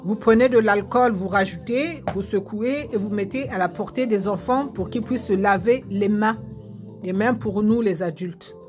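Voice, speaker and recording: A woman's voice: medium pitch, normal speed, over music. Chatty woman explaining a home recipe. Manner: repetitive, many fillers and restarts. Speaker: video host giving home tips. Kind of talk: casual how-to explanation.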